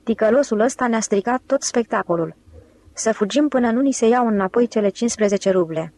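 A woman voicing a commanding, ironic male con-man leader who gives brisk orders in an audiobook. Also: a little high, mellow, low-quality recording. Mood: irate. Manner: bossy, brisk.

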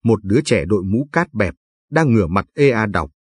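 Husky male audiobook narrator. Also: lowish voice, moderate pace, no echo. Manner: steady, descriptive storytelling. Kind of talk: scripted literary narration. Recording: dry studio read, faint music.

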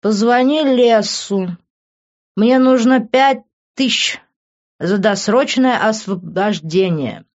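A woman reading an audiobook, voicing a drunk young man who slurs, swears and yells down the phone. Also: on the high side, slow pace, voice pushed up. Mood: drunk, angry. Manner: slurred, swearing, yelling. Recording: dull lo-fi recording.

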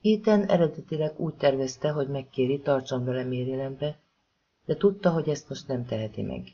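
Audiobook narrator, husky and mellow, steady prose reading, lo-fi sound. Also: medium pitch. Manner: calm, even reading of dialogue and prose. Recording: slightly dull lo-fi recording.

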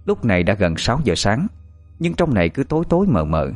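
A man narrating a first-person horror story in a steady, tense way. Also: lowish voice, fairly quick, dry recording, faint music behind.

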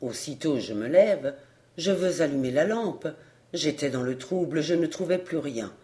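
A reader narrating a nineteenth-century novel in a measured, solemn way, as an audiobook. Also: medium pitch, lively intonation, warm tone.

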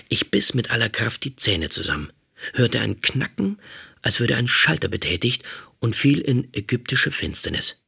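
Husky-voiced man narrating. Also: medium pitch. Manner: measured, calm storytelling. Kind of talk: audiobook narration.

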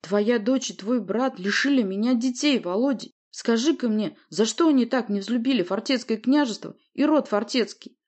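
A woman's voice: on the high side, normal speed, few pauses, a little mellow, muffled recording, pitched above the performer's own voice, natural voice. A woman doing a roaring, bitter lion prince. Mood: bitter anger. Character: fierce grieving lion prince, male, middle-aged.

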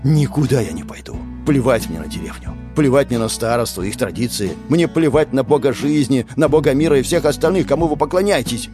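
A man's voice: medium pitch, lively intonation, a little fast, few pauses, pitched above the performer's own voice, close to an everyday voice. A man voicing a frightened, defiant young male tree demon with a trembling voice close to tears, over guitar music. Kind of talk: audiobook character voice.

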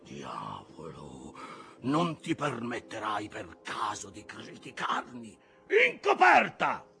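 A man voicing an imperious, obsessed old whaling captain in a theatrical audiobook dramatisation, given to bellowed commands and menacing hushed asides. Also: deep voice, expressive, slow pace, husky, faint music behind, exaggerated voice. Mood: scornful, menacing. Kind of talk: dramatised audiobook reading of a classic sea novel.

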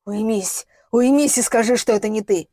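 A woman's voice: a little high, normal speed, dark tone, dry recording, clean studio sound, natural voice. A woman reading the lines of a desperate middle-aged man searching for his missing daughter, with strained, pleading outbursts.

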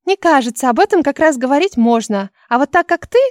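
A woman doing a cheerful young noblewoman in an audiobook, pitched high and bright. She teases and presses with a theatrical, insistent flair. The recording is close and dry. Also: expressive, fairly quick, dry recording. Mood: teasing. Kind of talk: audiobook character voice.

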